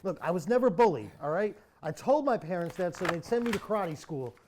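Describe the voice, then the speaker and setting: A man's voice: high voice, animated, brisk, a little mellow, a little hiss or hum. A young man playing a cowardly, irresponsible slacker in a naturalistic comic drama, whiny and pleading as he babbles. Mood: nervous babbling.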